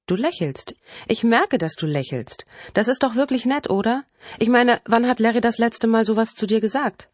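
A woman's voice: fairly high pitch, moderate pace, no echo, pitched above the performer's own voice, close to an everyday voice. A woman voicing an infatuated adult sister who pleads and coaxes insistently in an audiobook. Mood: coaxing. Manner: insistent, coaxing.

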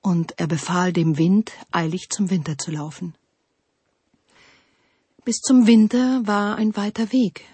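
A woman storyteller reading a storybook in a soft, hushed manner that often drops near a whisper. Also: fairly low pitch, unhurried, pauses often, slightly rough, no echo.

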